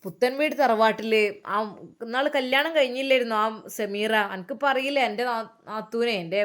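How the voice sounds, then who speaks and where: A woman's voice: on the high side, lightly acted. Woman doing a gossipy village aunt. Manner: chatty, gossipy, rapid asides.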